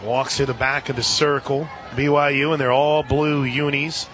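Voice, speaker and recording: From a broadcast position at an outdoor softball ballpark, a male announcer calls live radio play-by-play. His medium-pitched voice stays level at a moderate pace, with crowd noise and ambient ballpark sound filling the background.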